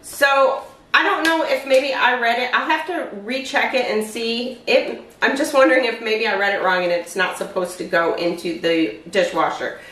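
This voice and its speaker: In this casual cooking demo, a woman in her forties explains each step of her meal prep in a chatty way. She speaks at normal speed in a fairly high, slightly bright voice. A distant camera picks her up in an echoey home kitchen.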